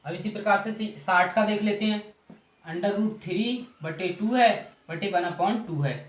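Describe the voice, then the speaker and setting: A man's voice: sits high, measured pace. A man teaching mathematics in Hindi, walking through a table step by step, asking questions and answering them himself. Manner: asks and answers his own questions, repeats steps. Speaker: math teacher. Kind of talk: classroom explanation of a trig table. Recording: echoey room.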